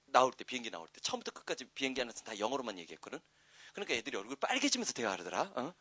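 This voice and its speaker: A man teaching an English grammar class, chatty and wandering into asides, then loud and emphatic when he explains the rules. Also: mid-range voice, sing-song, rapid-fire, no room sound. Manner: rambling, chatty asides with frequent "응?" checks. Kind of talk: classroom lecture.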